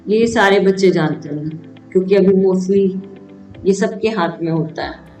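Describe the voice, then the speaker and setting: A woman's voice: medium pitch, a little slow, dark tone. A woman teaching a children's English grammar lesson, asking simple questions and spelling each word letter by letter. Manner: spells words out letter by letter, asks and answers own questions. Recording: echoey room, voice from a distance, faint music.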